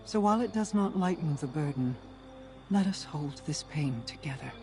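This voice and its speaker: An actress playing an ancient, regal woman in a video game, solemn, formal and sorrowful in measured phrases. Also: deep voice, expressive, mellow, slight background noise. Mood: solemn grief. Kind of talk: dramatic video game acting.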